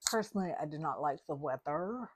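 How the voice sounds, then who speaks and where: Woman in her 50s, deep-ish voice, grew up in denmark, chatty podcast cohost who laughs a lot. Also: expressive, brisk, slightly rough. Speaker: podcast co-host, therapist. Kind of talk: casual chat.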